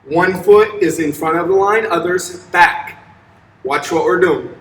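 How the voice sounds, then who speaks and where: High-voiced young man teaching kids in echoey gym. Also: unhurried, fairly bright tone, a little hiss or hum. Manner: upbeat, encouraging, simple short directions to kids. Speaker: elementary physical education teacher. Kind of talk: instructional fitness demonstration for children. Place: large empty indoor school gymnasium. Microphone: camera a few steps away. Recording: echoey gym, distant camera mic.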